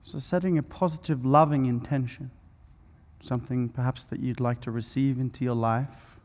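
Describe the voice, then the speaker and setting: A Norwegian man with a medium-pitched voice opens a conference by leading a live audience through a calm breathwork meditation. He guides softly and slowly, using many fillers. The large event hall gives the recording a long reverb.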